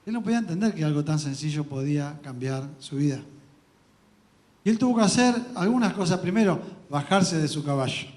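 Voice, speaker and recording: A man with an Argentine accent preaching a sermon in a church, earnest and personal, giving testimony with soft laughs and restarts. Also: a little high, animated, brisk. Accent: Argentine Spanish.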